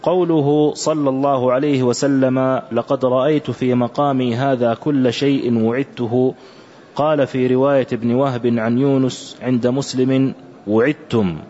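A man reading aloud a classical religious commentary for a teacher, in a measured, careful recitation. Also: medium pitch, fairly even intonation, dark tone. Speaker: student reading the text aloud. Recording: dull lo-fi recording.

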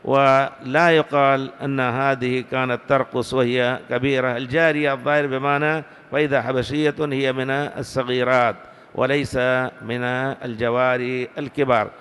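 Man, hadith teacher, smooth resonant voice, long hall reverb, slow deliberate reading. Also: mid-range voice, flat delivery, fairly bright tone. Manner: slow, deliberate reading with pauses to correct wording. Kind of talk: classical hadith lesson commentary.

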